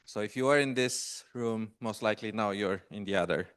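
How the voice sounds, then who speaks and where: A man's voice: on the low side, fairly quick, fairly bright tone, clear, resonant tone, no echo, clean studio sound. A man from Romania giving an academic lecture in a lecture room, talking hesitantly with many fillers and restarts. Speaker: guest lecturer.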